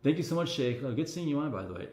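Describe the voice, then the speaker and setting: A man, a doctor, answering viewer questions on a casual livestream in a relaxed, chatty way full of fillers, his voice echoing around the room. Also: medium pitch, very fast. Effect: echoing room sound on the stream. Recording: echoey room audio on a livestream.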